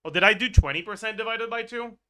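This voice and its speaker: A man's voice: high-pitched, quick pace, a bit bright, clean tone. A man streaming a game, chatting casually and thinking aloud, swearing and laughing as he works through numbers. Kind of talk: livestream game chat.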